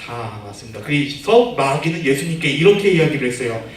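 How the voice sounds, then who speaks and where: A junior pastor leads a children's sermon in a church room, asking the kids questions and guiding them through reading aloud. His medium-pitched voice is sing-song and a little quick. The room echoes, he is far from the mic, and there is faint noise.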